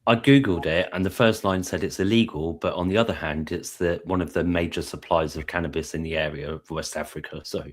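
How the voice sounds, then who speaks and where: A man's voice: low-pitched, steady tone, brisk, few pauses. A British man in casual live-stream chat, explaining at length with many fillers and restarts. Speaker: panel guest.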